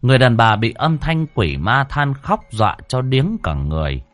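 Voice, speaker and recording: A man narrating a horror audiobook in a dramatic, expressive storytelling manner. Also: mid-range voice, moderate pace, dry recording.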